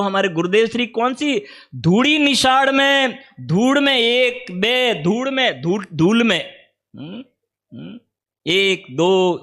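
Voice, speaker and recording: A man's voice: high voice, fairly bright tone. A man with a Gujarati accent giving a spiritual discourse, conversational, often asking his listeners questions. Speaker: Jain preacher. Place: teaching camp hall.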